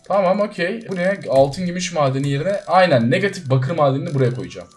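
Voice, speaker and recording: Brief: male gaming commentator, fairly high voice, jumpy and chatty, faint music underneath. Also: fast talker. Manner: excitable, swings between loud surprise and muttering; talks straight to viewers. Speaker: gaming YouTuber. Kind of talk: casual gameplay commentary.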